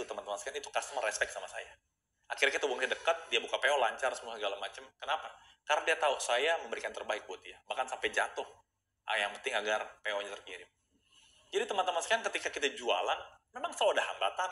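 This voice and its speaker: Fast, bright-voiced sales coach. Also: male voice, mid-range voice. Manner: energetic, addresses viewers directly. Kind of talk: casual live-stream talk. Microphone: phone live stream. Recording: roomy echo.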